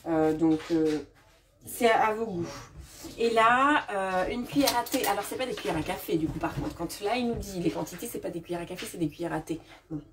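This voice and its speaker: A woman walks her viewers through a recipe in her home kitchen. She chats loosely, stops and restarts often, and answers their comments as she goes. She sits a bit back from the mic, and pots and cutlery clatter clearly behind her. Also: fairly low pitch, brisk, recorded from a distance, slight background noise. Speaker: cooking demonstrator. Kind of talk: live cooking demo chat. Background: clinking dishes and utensils.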